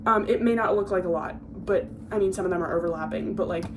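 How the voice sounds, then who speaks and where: A woman's voice: lowish voice, quick pace, music in the background. Gushing teen girl book vlogger. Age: teens. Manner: gushing, emotional, filler-heavy. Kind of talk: casual reading vlog. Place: home.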